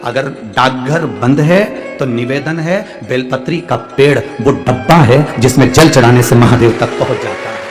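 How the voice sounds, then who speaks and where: A male preacher from central India delivers a devotional sermon over music to a live crowd at a large outdoor stadium gathering, using a stage mic. At a medium pitch and normal speed with hardly any pauses, he answers listeners' letters with homely examples and urges the crowd to call back.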